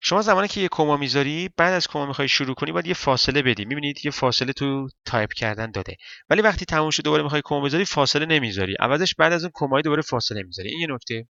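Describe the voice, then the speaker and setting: Persian man teaching German, gravelly voice. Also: a little high, animated, pushed and bright, dry recording, dull audio. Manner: explains step by step, counting parts aloud; reads German slowly and deliberately. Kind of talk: language lesson.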